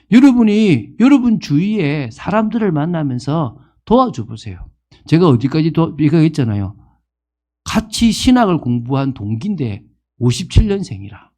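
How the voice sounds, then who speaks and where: A man's voice: on the high side, dark tone. A man in his fifties preaching a sermon as pastor, asking the congregation questions and acting out the people he quotes. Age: 50s.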